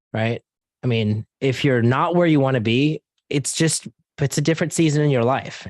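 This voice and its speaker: In a clean, dry studio recording, a man with a mid-range voice gives an easygoing sales pep talk to an online meeting. He leans heavily on the filler "like" and keeps calling the audience "guys" and "dude."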